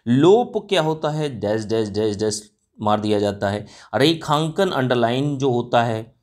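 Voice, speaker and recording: Lively-voiced male Hindi teacher. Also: medium pitch, unhurried. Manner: explains step by step, often asks and answers his own questions; frequent fillers and self-corrections. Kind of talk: online exam-prep lecture.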